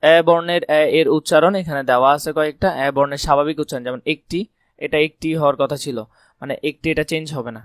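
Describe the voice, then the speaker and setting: A male teacher with a voice worn hoarse, pitched slightly high. He runs an exam-prep grammar lesson, firing quick questions and answering them himself. The recording is close and dry. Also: fairly even intonation, no echo. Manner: repeats key points as quick questions and answers.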